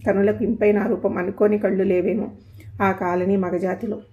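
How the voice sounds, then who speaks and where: Female storyteller, poetic scripted narration, warm mellow tone, dull lo-fi recording. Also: mid-range voice, level tone, moderate pace, slight background noise.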